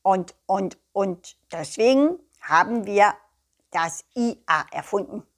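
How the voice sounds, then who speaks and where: A woman's voice: mid-range voice, animated. A woman voicing a friendly talking nettle plant in a children's story, stumbling and repeating words as it explains itself. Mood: earnest. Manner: halting, repeats words, giggly.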